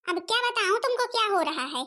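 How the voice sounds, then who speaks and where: A woman voices a fiery village mother and daughter-in-law in a home-made cartoon. She argues in a combative, rapid-fire way with a very high voice. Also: lively intonation, pushed and bright, heavily acted. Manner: combative, quarrelsome.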